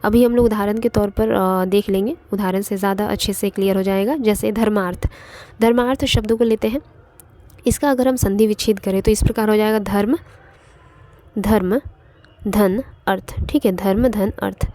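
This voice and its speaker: A woman's voice: mid-range voice, steady tone, normal speed, dark tone. A woman teaching an online exam-prep grammar lesson, explaining step by step and repeating points with frequent fillers.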